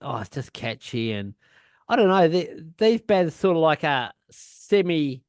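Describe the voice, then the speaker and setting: A man's voice: on the high side, big pitch swings, unhurried, smooth, no room sound, clean studio sound. A man co-hosting a punk podcast in casual chat, rambling, swearing a lot and laughing often. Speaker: podcast co-host.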